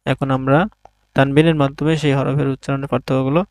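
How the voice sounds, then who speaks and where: A man teaching Quran letter sounds, drilling them in measured, chanted repetition. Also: medium pitch, flat delivery, darkish tone, no echo. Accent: Bangladeshi. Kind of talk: slow drilled recitation lesson.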